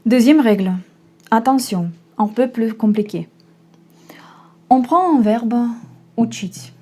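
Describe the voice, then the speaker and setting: A woman's voice: a little high, mellow. A young woman from Russia, patiently teaching a language lesson and repeating each example. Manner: slow, patient explaining with repetitions.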